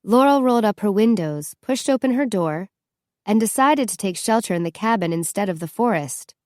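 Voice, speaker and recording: A woman narrating a novel in a steady, measured voice of middling pitch. She sits close to the mic, and the sound is dry with no room around it. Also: no room sound. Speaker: audiobook narrator. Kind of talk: scripted narration.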